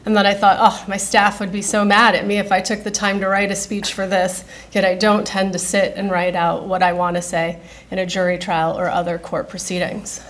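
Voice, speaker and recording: An American woman makes opening remarks as a candidate. Her voice sits at a medium pitch, and she talks conversationally and without a script, gently poking fun at herself. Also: level tone, brisk. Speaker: candidate and lawyer.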